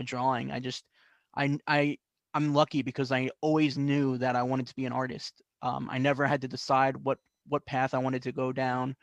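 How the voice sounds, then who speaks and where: In a casual interview, a young man from the New York and New Jersey area tells stories as a guest artist, with many fillers and restarts. His voice is medium-pitched, recorded without echo.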